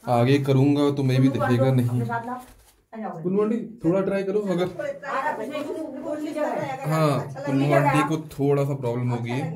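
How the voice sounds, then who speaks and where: Chatty man vlogging to a handheld camera. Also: fairly high pitch. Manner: chatty, talks to the camera while walking. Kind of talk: casual travel vlog narration. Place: outdoors on a hill path, then inside a narrow dark cave. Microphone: handheld camera at arm's length.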